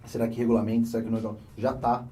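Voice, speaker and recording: A young Brazilian man with a Brazilian Portuguese accent, hosting a casual conversation and thinking aloud with animated restarts. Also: mid-range voice. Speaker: host. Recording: voice a bit distant from the mic.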